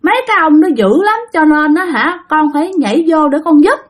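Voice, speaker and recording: A small girl's spirit, whining and pleading in a high, swooping little voice, as a woman storyteller puts her on. She sounds childish and clingy, and her pitch jumps all over. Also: lively intonation, a little fast. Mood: whiny. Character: whiny little girl spirit possessing her mother.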